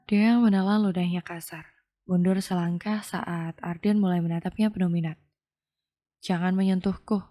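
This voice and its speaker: A woman reading an audio romance novel in a calm, measured storytelling voice. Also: lowish voice. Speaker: narrator. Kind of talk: scripted audio novel narration.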